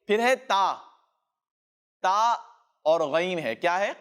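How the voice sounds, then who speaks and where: A man's voice: high voice, animated, fairly bright tone, clean tone. A man hosting a children's show, patiently teaching a lesson and repeating phrases for the children to echo back.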